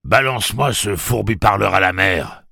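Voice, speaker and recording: A menacing old pirate sneers out coarse taunts in a raised, gravelly voice, as a man puts him on. He swoops up and down as he gloats, gleeful and crude. It sounds like a storybook reading. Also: low voice, expressive, slow pace, a bit bright, no room sound, studio quality, pitched above the performer's own voice, heavily acted. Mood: taunting.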